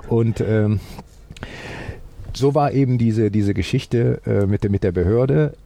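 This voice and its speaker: A man telling a story as an interview guest, halting with many fillers and restarts, but upbeat. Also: on the low side, vocal fry, dark tone.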